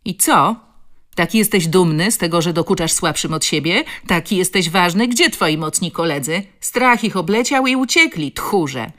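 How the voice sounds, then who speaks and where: Gruff tough woman, played by the female reader, low, guttural, commanding. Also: lively intonation, normal speed, a little mellow. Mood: scolding. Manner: booming, guttural, scolding. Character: tough rough-spoken woman defending a child.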